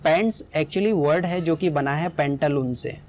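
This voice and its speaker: Man explaining a lesson, fairly high voice. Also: normal speed, a little mellow, slight background noise. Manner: explanatory, often checks in with "right?". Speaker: teacher.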